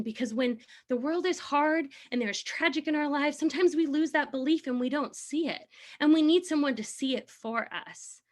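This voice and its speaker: A woman team leader giving an earnest, encouraging motivational talk. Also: fairly high pitch. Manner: earnest, encouraging, sometimes laughing.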